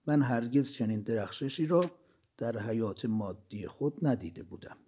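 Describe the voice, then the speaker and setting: A man reading the part of a dead engineer who calmly recounts leaving his body. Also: mid-range voice, husky. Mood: reflective. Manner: measured, reflective storytelling.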